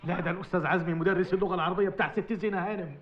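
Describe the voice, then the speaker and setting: A man as a chatty, gossipy Egyptian house servant who explains things at length. He rattles along quickly in a high, lively voice. The room sounds echoey and the audio is dull. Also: natural voice. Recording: roomy dull film audio.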